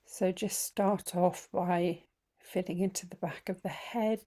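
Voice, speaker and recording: Woman, breathwork teacher leading a slow body scan meditation. Gentle, with ums, sometimes whispering. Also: fairly low pitch, steady tone. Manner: slow, gentle guidance with frequent ums and soft whispered phrases.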